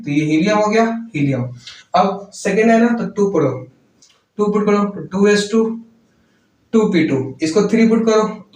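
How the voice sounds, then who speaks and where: Male chemistry teacher, higher voice, drills students with quick questions; heavy room echo, distant mic. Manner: asks and answers his own questions, repeats key words. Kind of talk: classroom lecture. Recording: roomy echo, voice from far off.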